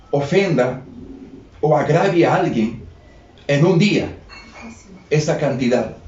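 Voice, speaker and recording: High-pitched guy preaching, repeats stuff for the congregation, kinda muffled lo-fi recording. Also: a little mellow. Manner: explains scripture, repeating key phrases to the listener. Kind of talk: sermon. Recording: echoey, dull lo-fi room recording.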